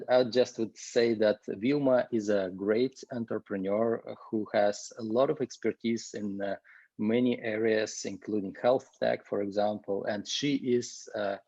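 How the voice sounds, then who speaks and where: A man hosting an online conference over a video call, speaking in a halting way with many fillers and restarts. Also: fairly low pitch, warm tone, no echo. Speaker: host. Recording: dull, dry, lo-fi sound.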